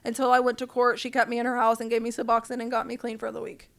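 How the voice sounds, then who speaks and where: A woman's voice: a little high, completely flat delivery, fast talker, vocal fry. A woman guest on a podcast, telling her own story in a candid, casual and profane way.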